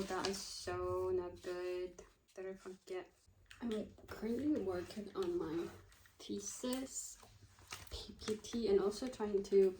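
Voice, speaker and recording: Heard on a low-quality recording, a young woman in her twenties talks in a dark, mid-range voice. She's a student vlogger, not a native Russian speaker, casually rambling and thinking aloud while often drifting off her point.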